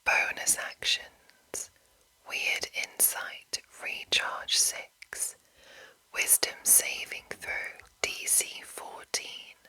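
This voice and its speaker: An ASMR host whispers steadily as she reads aloud from a monster manual, dropping in soft asides. Her slow, lingering delivery gives each hushed phrase a very crisp, bright edge, though the audio is poor.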